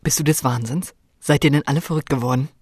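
A woman's voice: sits low, quick pace, darkish tone, slightly rough, dry recording, studio quality, voice pushed down. A woman voicing a shocked, defiant young man who protests agitatedly, in a storybook reading. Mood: outraged.

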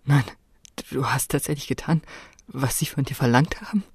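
A defiant young man, put on by a woman reading a story, agitated and protesting. The voice is lowered and a bit husky, recorded dry and close. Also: normal speed, darkish tone, no room sound, exaggerated voice. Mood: dismayed.

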